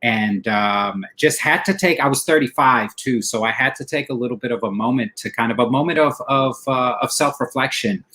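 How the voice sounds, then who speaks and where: A man's voice: mid-range voice, moderate pace, few pauses, pushed and bright, poor audio. Middle East-born male comedian, forties, loose rambling interview talk. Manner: rambling, repeats himself, says man a lot. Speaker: comedian guest. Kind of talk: casual interview chat.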